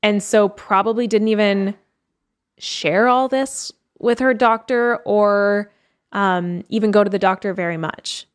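A woman co-hosting a podcast, walking through a case in a relaxed, chatty way. She fills her talk with "like" and restarts. She is from Canada. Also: mid-range voice, unhurried, smooth. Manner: chatty storytelling with many fillers. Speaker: podcast co-host telling a case. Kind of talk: casual chat.

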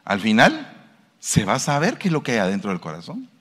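A man's voice: mid-range voice, huge pitch swings, fairly quick, fairly bright tone. A male pastor, preaching a sermon and putting questions to the congregation. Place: church. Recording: reverberant church hall.

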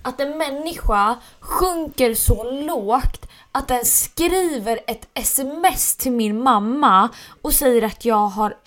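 A woman's voice: fairly high pitch, a bit bright. A young woman co-hosting a podcast, talking in a casual, indignant and emphatic way. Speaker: podcast co-host. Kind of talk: casual chat.

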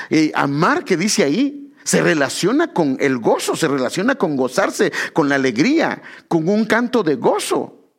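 A man from Guatemala with a Guatemalan Spanish accent, preaching a sermon in an animated way, calling his listeners brother and correcting himself as he goes. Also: fairly high pitch, vocal fry, slightly rough.

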